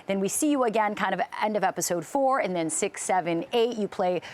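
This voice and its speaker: A woman's voice: mid-range voice, expressive, brisk. A woman hosting a morning TV show, interviewing a guest in an upbeat, chatty way and laughing easily. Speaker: morning TV host. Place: TV studio.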